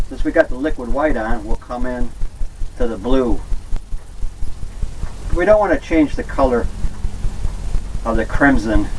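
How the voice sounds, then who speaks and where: Gentle male painting instructor, some background noise. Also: mid-range voice, low-quality recording. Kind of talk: casual step-by-step painting demonstration.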